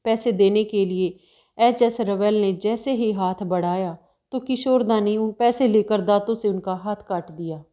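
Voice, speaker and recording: Woman narrating with a mellow, dark voice. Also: mid-range voice. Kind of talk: scripted narration.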